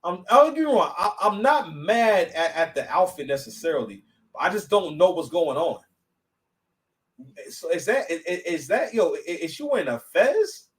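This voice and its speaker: A man hosting a podcast, reacting to clips in a rambling, mocking, animated way. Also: high-pitched, moderate pace, far from the mic, low-quality recording. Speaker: podcast host. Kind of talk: casual reaction commentary.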